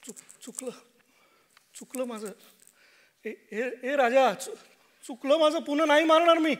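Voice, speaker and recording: An actor playing a remorseful, halting father. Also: sits high, close to an everyday voice. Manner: halting, broken apologies. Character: remorseful father who hit his son. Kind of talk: live stage drama reading. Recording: long hall reverb.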